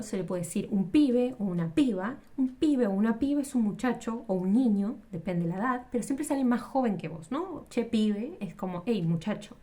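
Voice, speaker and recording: A woman's voice: fairly high pitch, a little mellow. A woman teaching Spanish in a casual, patient way, explaining with examples and often correcting herself mid-sentence.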